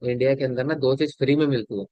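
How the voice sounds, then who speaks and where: A man coaching a sales team in an informal talk. He keeps asking whether they understand, repeats his points, and changes his loudness and speed to demonstrate. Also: medium pitch, fast, no echo. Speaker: sales business trainer. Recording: dull lo-fi audio, dry.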